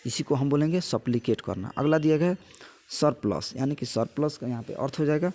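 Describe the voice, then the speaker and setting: A man teaching a vocabulary lesson for exam prep, explaining each meaning in simple terms and slowing down to read the English definitions. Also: medium pitch, animated, mellow.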